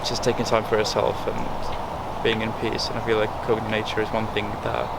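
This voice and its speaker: A young man from Estonia talks over loud traffic and air-conditioning hum, reflecting slowly with many fillers and restarts. His voice sits fairly low and stays flat. He answers an interviewer in a loose, searching way. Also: gravelly. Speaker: research interviewee. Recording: loud background noise, urban outdoor hum.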